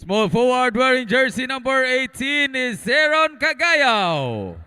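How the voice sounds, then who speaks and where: A male arena announcer with a Filipino accent delivers stadium introductions in a very high, bright voice. He takes his time, projecting and drawing out team and player names with a clean, resonant tone. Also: big pitch swings, measured pace, clean tone, long reverb tail.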